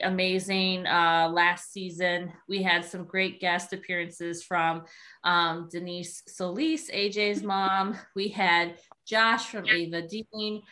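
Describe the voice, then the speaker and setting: Giggly woman hosting a chatty podcast, bright voice. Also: mid-range voice. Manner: giggly, rambling. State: has a cold. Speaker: podcast host. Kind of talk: casual podcast chat.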